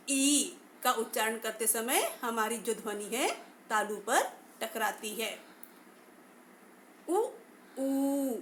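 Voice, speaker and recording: A woman with a high voice teaches at an unhurried pace, drawing out each letter as she demonstrates it. She speaks straight to her listeners and asks them to try along. A faint ambient hum sits behind her. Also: a bit bright. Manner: addresses listeners directly, inviting them to try. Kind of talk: slow, careful phonetics lesson.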